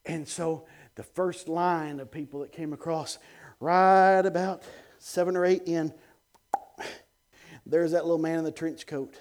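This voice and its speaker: A middle-aged man, a guest evangelist, telling an animated testimony on a TV show, dropping to hushed tones and bursting out loud with chuckles. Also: measured pace. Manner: swings between hushed low tones and loud excited outbursts, chuckling.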